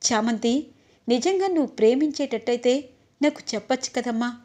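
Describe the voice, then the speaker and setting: A calm, fair-minded father, voiced by a woman narrator. He reasons gently, the voice staying high and even. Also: a little fast, natural voice. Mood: reasoning.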